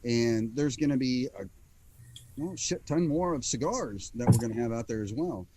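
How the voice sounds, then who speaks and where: A man's voice: medium pitch, lively intonation, normal speed, over a noisy crowd, poor audio. Joking man co-hosting over a video call. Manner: joking, repeats words when starting. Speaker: podcast co-host. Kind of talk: casual chat.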